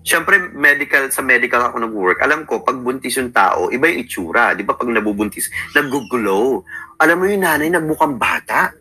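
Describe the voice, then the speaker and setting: A man's voice: mid-range voice, lively intonation, normal speed, pushed and bright, slightly rough, rough recording. A man in his thirties with a Filipino accent, telling his life story in a casual chat. He sounds sleepy and keeps quoting what he and others said. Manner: storytelling, mixes Tagalog and English, quotes himself often. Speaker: interview guest.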